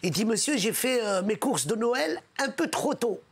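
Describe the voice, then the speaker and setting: A man's voice: very high-pitched, normal speed, a little hiss or hum. A man telling jokes on a comedy show, switching between voices for each character. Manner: animated joke teller, puts on characters' voices.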